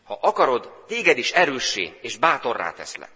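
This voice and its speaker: Brief: small bossy toy lion with a high, quick, proud voice, put on by a man reading aloud; husky, in an echoey hall. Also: wildly swooping pitch, pushed and bright, full character voice. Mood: boastful. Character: tiny red toy lion, boastful and bossy.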